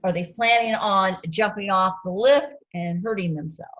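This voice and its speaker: A woman instructor lecturing a ski patrol class, relaxed and conversational, quizzing students as she goes. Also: medium pitch, moderate pace, lo-fi sound. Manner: relaxed, conversational teaching with fillers and quizzing questions.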